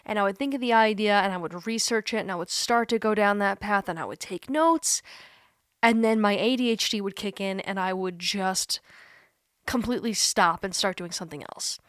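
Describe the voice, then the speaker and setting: A woman in her thirties talking candidly to camera from a creaky chair at home, earnest and self-deprecating, laughing at herself now and then. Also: mid-range voice, normal speed, no echo, studio quality. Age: 30s. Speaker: YouTuber. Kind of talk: candid reflective monologue.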